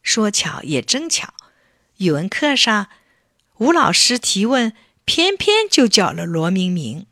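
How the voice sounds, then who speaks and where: Animated woman reading a children's story. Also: medium pitch, slow pace, no echo, clean studio sound.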